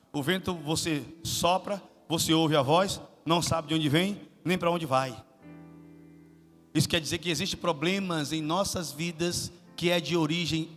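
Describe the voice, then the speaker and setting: A high-pitched man delivers a sermon in a church hall, his tone bright and sharp. He questions the congregation and swells to shouts. Long reverb and faint music linger behind him. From Salvador, Brazil. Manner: asks the congregation questions, builds to shouted climaxes. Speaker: guest pastor.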